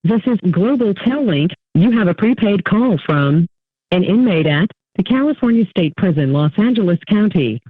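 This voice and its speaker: High-pitched male recorded prison phone announcement, formal and measured, dry and thin. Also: expressive, no room sound. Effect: recorded announcement over a prison phone line. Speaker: automated call announcement.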